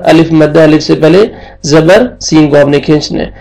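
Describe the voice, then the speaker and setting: A man with a Pakistani Urdu accent gives a patient recitation lesson. His voice sits fairly high and has a gravelly edge. He stretches each verse out in slow chant, then explains the rules in quicker everyday talk. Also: little pitch movement, a little mellow, poor audio. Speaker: Quran tajweed teacher.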